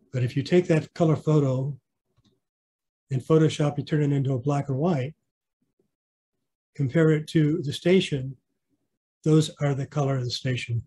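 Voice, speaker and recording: A man's voice: mid-range voice, warm tone, husky. A man giving a casual online slideshow clinic about his model railroad, rambling with fillers and restarts. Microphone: video call.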